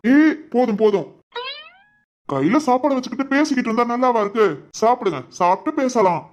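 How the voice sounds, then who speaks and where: A man's voice: very high-pitched, animated, brisk, slight background noise. A man voicing a jovial middle-aged father in a comedy cartoon, proud of his cooking and mock-stern with his son.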